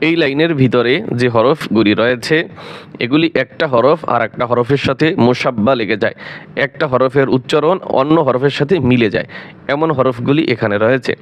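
A man teaching Quran reading, slowly spelling each Arabic letter with its vowel, repeating syllables for learners and asking and answering his own questions. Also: medium pitch, dull audio. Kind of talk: slow drilled recitation lesson.

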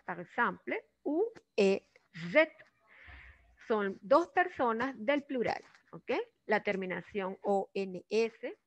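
A woman with a Venezuelan accent teaching a French grammar lesson in Spanish, drawing out the French words slowly and often checking in with her students. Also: mid-range voice, no echo. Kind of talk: classroom lesson explaining grammar. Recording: dull, dry lo-fi recording.

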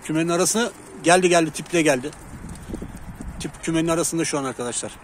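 A man's voice: fairly high pitch, quick pace. Chatty man calling his pigeons outdoors. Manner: calls and coaxes pigeons loudly, chatty. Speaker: pigeon keeper and channel host. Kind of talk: casual outdoor vlog chat. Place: outdoors by a pigeon loft in a city. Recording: noisy outdoor recording. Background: birds and city traffic.

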